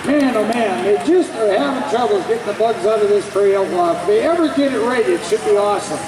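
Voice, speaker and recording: A man with a very high-pitched voice gives conversational, technical tractor pull commentary. He sounds distant and very echoey on the PA, with loud engines running behind him. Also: animated, fast talker, crowd noise, noisy background. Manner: conversational, explanatory. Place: outdoor tractor pull event.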